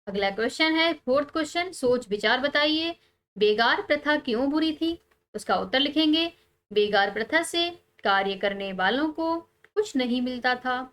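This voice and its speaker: A woman teacher, calmly explaining textbook answers step by step and pausing on key words. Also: sits high.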